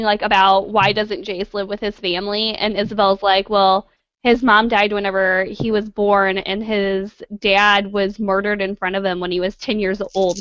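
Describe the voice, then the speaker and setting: A woman's voice: medium pitch, a bit bright, smooth, no echo. A young woman co-hosting a casual livestream book chat, talking in a gushing, chatty way full of "like". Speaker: book club co-host. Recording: dull lo-fi video call audio.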